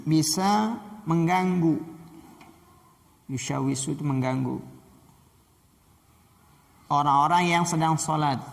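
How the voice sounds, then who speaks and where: A male teacher explains a religious lesson at an unhurried, deliberate pace. His voice is fairly high for a man with a gravelly edge, and a long reverb trails behind it. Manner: slow, deliberate explaining, reads Arabic text then translates.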